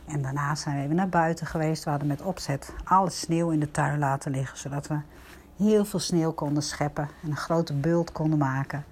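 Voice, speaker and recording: An older woman, a grandmother, gently telling viewers a personal story in a reflective, casual way. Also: sits low, brisk, slight background noise.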